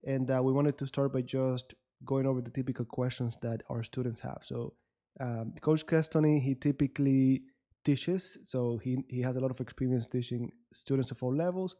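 Man, twenties, Cuban accent, native Spanish speaker, mellow tone, casual interviewer. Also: medium pitch, steady tone, normal speed. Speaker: chess coach hosting an interview. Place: small room at home, indoors. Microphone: desk microphone on a boom arm, video call.

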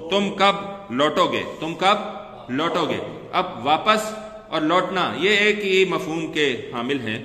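A man's voice: a little high, animated, takes it slowly, bright, forceful tone. A male Urdu teacher giving a classroom lecture, explaining step by step, repeating key terms and asking the class questions. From Pakistan. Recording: echoey room with long reverb.

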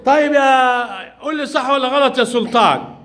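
Firing questions at small children, this high-voiced male primary school teacher keeps a moderate pace and a patient manner. Right answers earn praise, while pupils who drift get a gentle telling-off.

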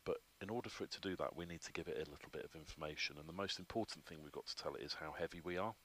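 A man guides a trainee through the cockpit of a flight simulator as instructor. His voice sits very low, and he explains things patiently, one step at a time, with plenty of ums along the way. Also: rapid-fire, a bit bright, a little hiss or hum. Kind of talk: hands-on instruction.

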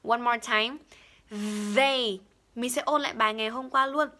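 A woman's voice: fairly high pitch, steady tone, quick pace, sharp tone. A young woman teaching English pronunciation, over-enunciating and repeating each word as she demonstrates it. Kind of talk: bilingual pronunciation lesson.

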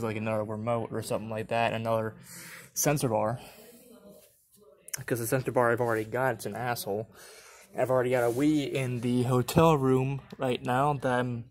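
A young man with an average-pitched voice talks his way through an antique mall, filming on a handheld phone as he walks. He rambles casually, laughs a lot and jumps up in excitement whenever something catches his eye. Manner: rambling, chatty, laughs often, excited bursts at finds. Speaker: vlogger. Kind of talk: casual handheld shop walkthrough vlog. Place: large indoor antique mall with glass cases. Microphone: phone camera held while walking.

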